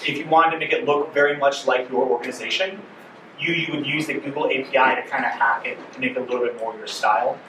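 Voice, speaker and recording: A man's voice: mid-range voice, steady tone, fast, noisy background. A man giving a conference workshop talk, loose and chatty, full of fillers and asides. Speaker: workshop presenter. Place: conference room. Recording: roomy hall audio from a distance.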